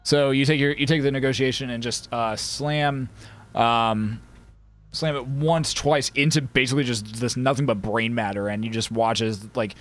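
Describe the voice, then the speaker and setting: A man's voice: medium pitch, fairly even intonation, normal speed. A man running a tabletop game as game master over online group voice chat, narrating loosely with many fillers.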